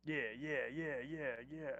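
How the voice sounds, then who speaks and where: A man's voice: on the high side, steady tone, measured pace, bright, forceful tone, dry recording, lo-fi sound. A man playing in an online tabletop game who jokes and mocks his own flubs. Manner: self-mocking, joking. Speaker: player. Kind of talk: casual tabletop play.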